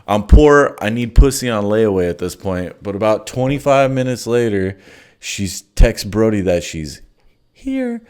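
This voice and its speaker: A man telling a story in a casual monologue, crude and profane, rambling with lots of fillers. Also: on the low side.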